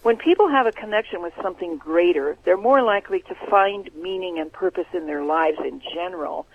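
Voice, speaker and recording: A man, an author, answering interview questions in an earnest, measured way over the phone. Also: high-pitched. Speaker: author guest. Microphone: telephone. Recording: tinny phone line.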